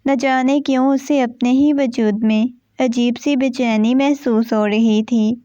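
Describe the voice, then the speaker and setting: A woman reading a romance novel aloud as scripted narration, in a steady storytelling way. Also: a little high, no echo. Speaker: novel reader. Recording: dull, dry lo-fi recording.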